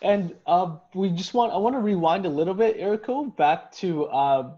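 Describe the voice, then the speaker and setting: A man hosting an interview, asking questions in a relaxed, casual way. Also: high-pitched, moderate pace. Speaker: interview host. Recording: dull lo-fi audio.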